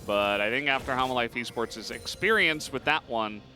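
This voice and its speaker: A young man giving live esports color commentary, animated and quick to laugh at the banter. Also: medium pitch, soft background music. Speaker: esports caster.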